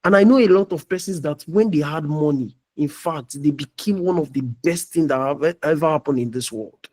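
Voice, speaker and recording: A man's voice: fairly high pitch, a little fast, warm tone. A young man giving a preachy motivational talk as a mentor in a live online meeting, often asking "you understand?".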